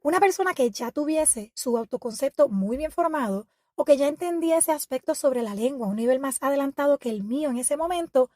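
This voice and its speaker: A woman hosting an educational podcast, reading a scripted narration in a measured, reflective and explanatory way. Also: sits high, animated, darkish tone, no echo, clean studio sound. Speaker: podcast host.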